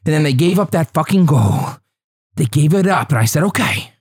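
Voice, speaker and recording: A young man, out of breath and sweating, talking excitedly about hockey, swearing and stumbling over his words. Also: fairly high pitch, fairly quick, breathy edge. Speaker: podcast co-host. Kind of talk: casual sports chat.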